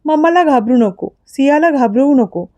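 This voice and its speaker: A teary, clingy little girl of two, babbling in broken baby talk with a high, warm voice, as a woman narrator puts her on. She sounds like a storybook toddler, close and dry with no room around her. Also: expressive, moderate pace, no echo, dull audio. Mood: earnest whisper. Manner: sobbing, lisping baby talk. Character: crying two-year-old girl, tearful and clingy.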